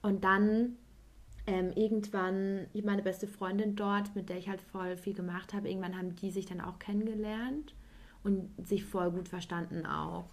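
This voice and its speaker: A woman's voice: mid-range voice, steady tone, moderate pace. A woman in her twenties, a podcast host, telling a personal story in casual chat and acting out what others said. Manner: rambling storytelling, acts out others with 'und ich so'.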